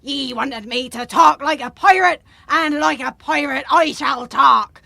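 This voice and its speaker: A woman's voice: high voice, unhurried, creaky, pushed and bright, no echo, exaggerated voice. A woman playing a doctor who delivers bad news in pirate talk, in a comedy sketch. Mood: hammy pirate. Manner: prim then hammy pirate growl.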